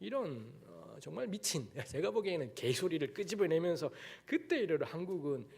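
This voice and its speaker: A man's voice: on the high side, animated, moderate pace, vocal fry, a little mellow, breathy edge. A man from Daegu giving a lecture-style sermon as a guest preacher in a church, talking bluntly and candidly with frank asides. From Daegu, South Korea. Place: church sanctuary.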